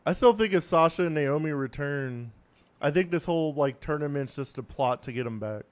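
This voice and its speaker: A man co-hosting a wrestling podcast in casual chat, blunt and quick to get excited. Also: fairly high pitch, clean tone. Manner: blunt, excitable bursts, profane. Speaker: podcast co-host.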